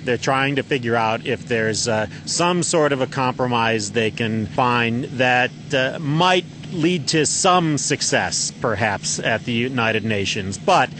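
A male news correspondent reporting live by satellite phone from outdoors, speaking haltingly with many fillers and repeated words. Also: medium pitch, animated, fairly bright tone, a little hiss or hum. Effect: satellite phone line. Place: outdoors on an air base tarmac.

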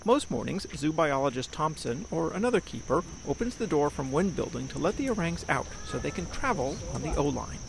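An American man narrates a radio news feature in a lively, fairly high voice that swoops expressively. His delivery has a gravelly creak, and faint noise sits behind him. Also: fairly quick, few pauses.

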